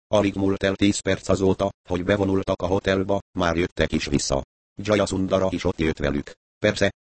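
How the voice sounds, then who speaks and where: Man reading an audiobook, really deep voice, dry close sound, wry. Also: no echo. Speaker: narrator. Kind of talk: audiobook narration.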